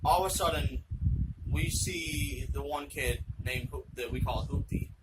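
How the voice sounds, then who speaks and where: A young man, the channel host, telling a true story at home in a rambling, excitable, profane way. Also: medium pitch, a little slow. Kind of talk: casual spoken storytelling. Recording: loud background noise with clicks.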